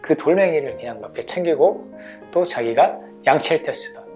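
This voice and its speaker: Lively teacher telling a Bible story. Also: mid-range voice, moderate pace, soft background music. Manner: lively, asks the children questions. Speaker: children's ministry teacher. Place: church.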